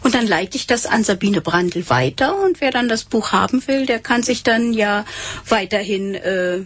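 A woman's voice: medium pitch, animated, moderate pace, breathy edge. A woman host wrapping up casually, with loose, hesitant phrasing and fillers. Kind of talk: casual chat.

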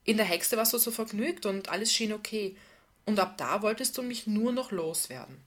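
A woman reading the part of a calm, gently persistent woman who speaks softly. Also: medium pitch, moderate pace, lightly acted.

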